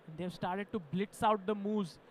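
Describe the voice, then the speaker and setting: A man with an Indian accent giving animated, agreeable live chess commentary. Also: high-pitched, normal speed.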